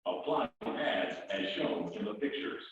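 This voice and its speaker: A man voicing an automated defibrillator prompt, giving short, clipped, impersonal instructions in a calm, commanding way. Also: low-pitched, measured pace. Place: played from a training device in an echoey room. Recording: echoey room, distant, dull device speaker.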